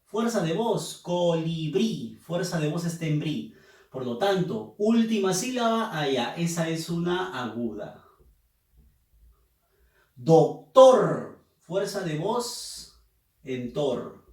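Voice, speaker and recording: Lively, slow-paced male teacher in an echoey room. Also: on the high side. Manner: patient, drills students by asking them to pronounce and count syllables. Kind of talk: classroom lesson on accent rules. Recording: roomy echo, voice from a distance.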